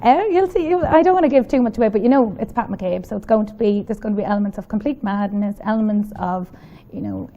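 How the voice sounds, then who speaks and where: Irish actress guest, enthusiastic chatter, gravelly voice, dull lo-fi studio recording. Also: female voice, mid-range voice, fast talker, hardly any pauses, slight background noise. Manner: enthusiastic, warm, laughs often. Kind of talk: casual chat interview.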